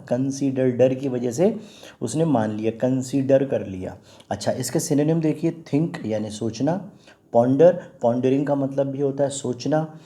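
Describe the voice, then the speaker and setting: Very dark-voiced Indian man teaching. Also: mid-range voice. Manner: patient, repeats and spells out words. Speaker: English vocabulary teacher. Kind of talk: explaining word meanings in Hindi with English terms.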